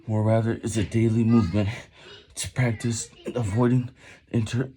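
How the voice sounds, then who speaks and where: A man reading a book aloud while doing push-ups, sounding effortful and halting, stumbling over words and repeating them. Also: fairly low pitch, flat delivery, dark tone. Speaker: amateur vlogger reading aloud.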